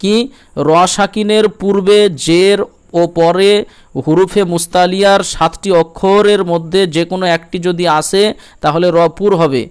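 A man teaching Quran reading step by step, repeating each rule, asking if it's clear and sounding out letters. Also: sits high, steady tone, moderate pace. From India. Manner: repeats rules, asks "ঠিক আছে?" and demonstrates sounds. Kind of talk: step-by-step recitation lesson.

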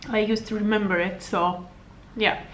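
A chatty Hungarian-accented woman from Slovakia, a fitness vlogger and coach, talks casually to camera indoors in her home living room, with the camera on a table at arm's length. Her voice is medium-pitched, fairly bright and steady at a moderate pace, and she rambles with frequent laughs and fillers; the rough recording has slight background noise.

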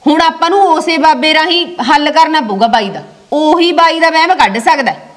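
A woman playing a sharp, sensible village sister who lectures and scolds firmly, with a Malwai Punjabi accent. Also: high-pitched, normal speed, lightly acted. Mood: concerned.

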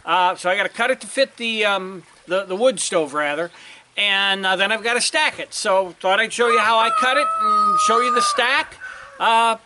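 A man's voice: sits high, moderate pace, pushed and bright, a little hiss or hum. An older man talking casually and folksily while working outdoors on a ranch, a bit out of breath, with roosters crowing behind. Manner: rambling, folksy, restarts often. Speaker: vlogger.

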